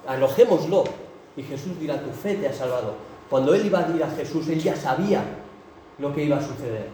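A man's voice: fairly high pitch, expressive, a little fast, mellow, slight background noise. A man preaching a sermon with impassioned, emphatic delivery. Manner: impassioned, rising to emphatic bursts. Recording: echoey hall, mic from a distance.

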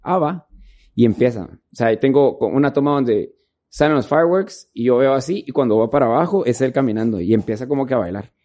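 Videographer guy rambling thru his stories, mellow voice, chill interview chat. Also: medium pitch, expressive, quick pace. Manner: rambling storytelling, filler-heavy. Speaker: videographer guest.

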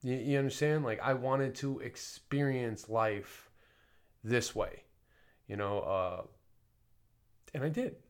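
A man talking in a casual personal monologue as a podcast host, often swearing and full of fillers, dropping to soft mumbles and then rising to loud emphatic bursts. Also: mid-range voice, takes it slowly, long pauses, clean tone. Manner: frequent swearing and filler talk.

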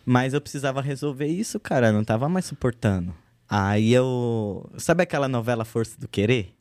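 A man in his thirties talks through his life story in an easygoing podcast conversation. He drops slang freely and acts out the voices of the people he quotes. His voice sits at an ordinary pitch, recorded close and dry. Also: moderate pace, no echo. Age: 30s. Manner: relaxed slangy storytelling with lively quoted speech. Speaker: guest artist. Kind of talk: casual podcast chat.

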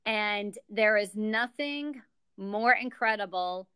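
A woman's voice: mid-range voice, takes it slowly, sharp tone, clean tone, no room sound. A middle-aged American woman, a guest on a podcast, explaining things carefully in an upbeat way. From United States. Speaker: guest, executive director. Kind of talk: podcast interview.

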